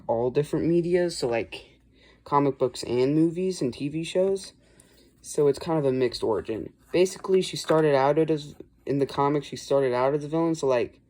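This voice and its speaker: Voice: medium pitch, darkish tone. A host talking through a casual building tutorial in a chatty, rambling way, full of "like" and "um" and restarting sentences mid-thought. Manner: chatty, rambling explanations with fillers and self-corrections. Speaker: toy building channel host.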